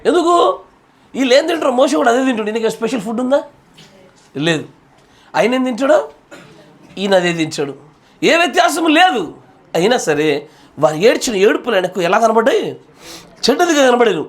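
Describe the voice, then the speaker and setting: A man's voice: very high voice, sing-song, moderate pace, long pauses. A man with a Telangana Telugu accent, a pastor giving a sermon at a home Bible study. He jokes and keeps asking the room "yes or no?". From Telangana, India. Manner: jokey, asks the room "yes or no?" again and again. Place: home gathering.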